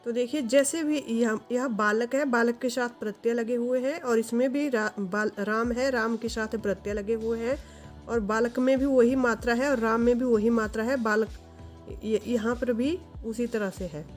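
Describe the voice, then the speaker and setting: A woman teaching a grammar lesson to viewers, reciting word forms in slow, steady lists. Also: fairly high pitch, faint music behind.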